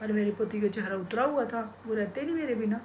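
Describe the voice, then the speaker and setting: A woman's voice: mid-range voice, fairly quick, a little mellow, slight background noise. A middle-aged woman, a home vlogger who coos baby talk to her pet bird and chats casually with viewers from home. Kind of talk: casual home vlog chat. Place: home, bedroom and kitchen.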